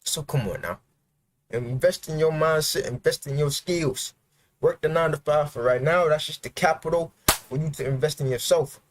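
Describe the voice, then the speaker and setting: A man talks straight to his livestream viewers in a raised, slightly high voice. He preaches self-improvement bluntly and drops profanity without apology. His delivery is a motivational rant, pushing his audience hard. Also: moderate pace.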